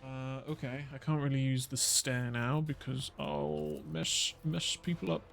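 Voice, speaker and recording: A man's voice: mid-range voice, steady tone, a little slow, creaky, a bit bright, faint music behind. A man streaming a strategy game, thinking aloud and muttering his moves in casual commentary.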